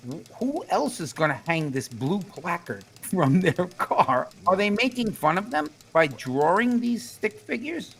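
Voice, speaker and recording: A man co-hosting a comedy chat show, setting up deadpan jokes and wordplay. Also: high voice, a little slow, hardly any pauses, slightly rough. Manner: deadpan joke setups, wordplay. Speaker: co-host. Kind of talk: joking radio chat.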